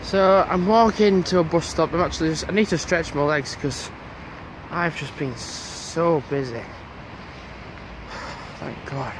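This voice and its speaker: Young man, fairly high voice, rambling walk-and-talk vlog, faint street hum behind. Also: measured pace, long pauses. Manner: rambling, chatty, talks to the camera while walking. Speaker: vlogger. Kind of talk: casual walking vlog. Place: outdoors on a quiet street before dawn.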